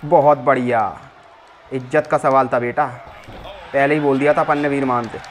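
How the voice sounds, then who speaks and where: Over the roar of the game crowd and wrestling sound effects, a male gameplay commentator trash-talks as he plays, making fun of the wrestlers and the ref. He speaks at a moderate pace with a medium pitch and steady tone.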